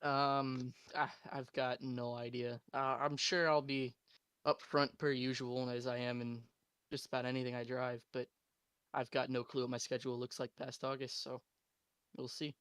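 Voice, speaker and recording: A man, the second-place racer, answering calmly and matter-of-factly in a post-race interview. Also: mid-range voice, normal speed, clean tone, no room sound. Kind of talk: casual interview.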